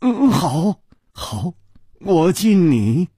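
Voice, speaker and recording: 一位男评书演员在演一位潇洒的年轻侠客，语气宽容又带点苦笑。. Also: male voice, a little high, very animated, very slow, mellow, slightly rough, no echo, clean studio sound, pitched above the performer's own voice, exaggerated voice. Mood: indulgent. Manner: wry, indulgent.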